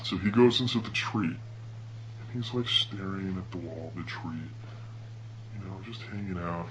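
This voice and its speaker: Low-voiced man telling a casual story, humming noise. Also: unhurried. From Hawaii. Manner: laid-back, slangy, animated retelling with acted-out quotes. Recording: noticeable hum and background noise.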